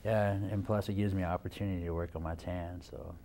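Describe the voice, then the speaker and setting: A Nebraska man in his thirties, a dance instructor, guests on a TV studio talk show and speaks casually into a lapel mic. His low, dark voice is fast with fairly even intonation, and he rambles easily with many restarts and "you know." A little hiss or hum is audible.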